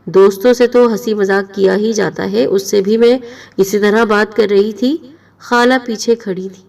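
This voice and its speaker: Gravelly-voiced woman telling a story. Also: medium pitch, fairly even intonation, a little mellow, recorded from a distance. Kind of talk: first-person story narration.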